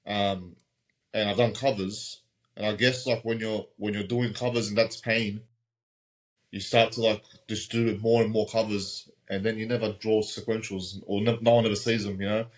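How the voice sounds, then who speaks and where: Aussie guy guest, lowish voice, lots of ums, thinks out loud. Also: little pitch movement, moderate pace, low-quality recording. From Australia. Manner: thoughtful, hesitant, repeats words and says um often. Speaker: guest comic artist. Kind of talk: casual interview chat.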